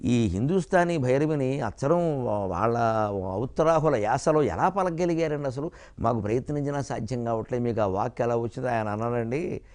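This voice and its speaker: An older man giving a spiritual discourse. He tells stories, quotes other people in voices of their own, chants verses slowly and chuckles now and then. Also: mid-range voice, expressive, a little mellow. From Godavari region, Andhra Pradesh. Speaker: spiritual lecturer. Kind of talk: Telugu discourse lecture.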